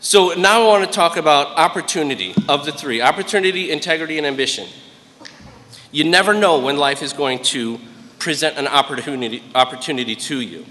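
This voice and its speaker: A man's voice: a little high, a little fast, bright, forceful tone. An American man in his late thirties giving an earnest, plain-spoken motivational commencement speech and telling stories conversationally. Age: late 30s. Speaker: guest graduation speaker, military master sergeant. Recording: echoey hall, long reverb over PA.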